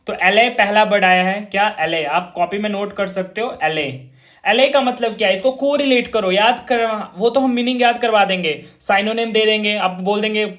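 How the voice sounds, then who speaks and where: A man with a notably high voice teaches a vocabulary class. He drills each word over and over in call-and-response, speaking to his students as children. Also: moderate pace, a bit bright. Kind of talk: informal online classroom lesson.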